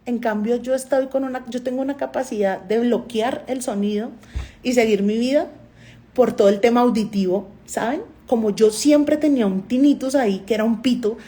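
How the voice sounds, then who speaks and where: A woman's voice: a little high, moderate pace, mellow. A Colombian woman, a doctor and therapist, giving a motivational talk to an online audience and telling stories in which she acts out the dialogue. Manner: storytelling, often acting out dialogue.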